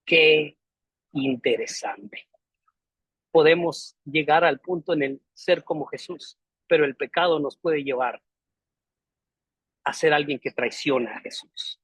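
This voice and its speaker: A man teaching a theology lesson as pastor, with a husky, somewhat high voice. He tells his story in an earnest, emphatic, preacherly way, and the sound is close and dry with no room echo. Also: takes it slowly, pauses often, a bit bright.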